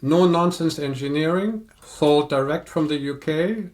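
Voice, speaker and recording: An older man in a casual podcast chat, explaining audio equipment in a measured, technical way. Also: on the high side, darkish tone. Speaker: audio reviewer guest.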